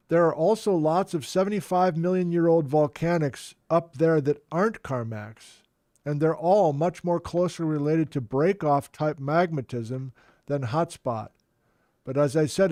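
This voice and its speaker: A male professor with a slightly high voice reads a passage aloud to his class. The sound is dry and close, and he breaks off now and then to react with surprise. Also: warm tone, no room sound. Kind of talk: reading text aloud in a class.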